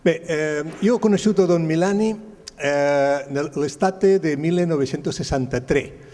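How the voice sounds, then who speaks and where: A man in his seventies from Spain, a native Spanish speaker with a Spanish accent, haltingly searching for words as he shares recollections with an audience through a handheld microphone. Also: fairly high pitch, warm tone. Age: 70s. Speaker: guest speaker. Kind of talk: informal recollection addressed to an audience. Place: large glass-walled hall, indoors. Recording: echoey hall over a PA.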